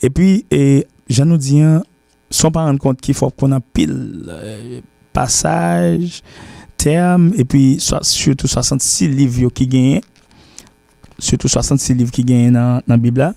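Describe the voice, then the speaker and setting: A man's voice: mid-range voice, measured pace, vocal fry, dark tone, no room sound. A man teaching an English lesson, repeating himself and spelling words out letter by letter. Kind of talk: language lesson.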